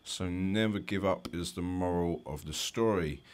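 A man's voice: deep voice, normal speed, smooth. A man with a London accent, a driving instructor giving chatty, explanatory commentary over driving test footage with light jokes.

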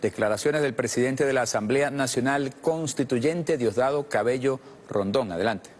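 A man's voice: medium pitch, normal speed. A man reading a scripted broadcast link as a TV news announcer.

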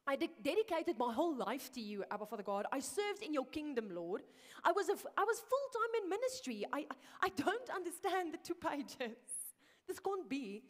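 A woman voicing an excited male pastor who pleads with God. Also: high voice, moderate pace, voice pushed up. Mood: pleading. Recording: reverberant church hall.

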